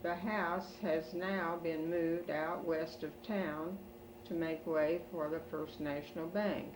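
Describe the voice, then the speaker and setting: An older woman with an American Midwestern accent reminisces about family history in a halting way, pausing as an oral history interviewee at home. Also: sits low, fairly even intonation. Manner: halting, slow elderly reminiscing with pauses. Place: in a room at home. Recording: roomy, distant home recording with background noise.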